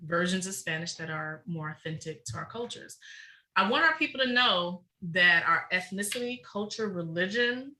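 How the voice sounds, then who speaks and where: A woman's voice: on the low side, expressive, pushed and bright, low-quality recording. A middle-aged woman speaking passionately and emphatically as a guest in a podcast interview. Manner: passionate, emphatic, fast-flowing. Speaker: guest, researcher.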